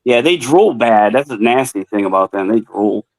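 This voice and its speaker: A man's voice: on the low side, animated, moderate pace, darkish tone, no echo, poor audio. A man in casual chat, telling blunt, profane anecdotes.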